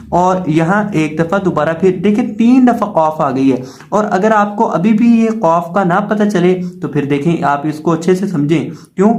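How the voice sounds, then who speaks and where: A man teaching Quran letter reading, spelling out syllables slowly and repeating them patiently. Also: high voice, a little mellow. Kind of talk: slow spelling-out lesson.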